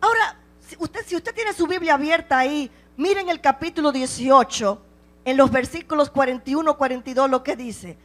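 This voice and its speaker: A woman's voice: sits high, fairly quick. A woman preaching a sermon with passion, driving her points home with repeated rhetorical questions.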